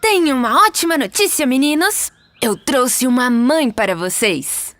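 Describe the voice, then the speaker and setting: A woman's voice: very animated, moderate pace, dry recording, heavily acted. A woman with a Brazilian Portuguese accent voicing Peter Pan, a bold young boy, with an eager, commanding manner. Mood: excited. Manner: eager, commanding, raised high boyish voice. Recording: soft music behind.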